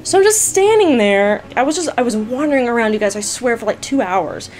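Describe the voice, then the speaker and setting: Chatty excitable young woman vlogger. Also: on the high side, brisk, soft background music. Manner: chatty and excitable, heavy use of "like" and "you guys". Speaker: gaming YouTuber answering viewer questions. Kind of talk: casual storytelling to camera.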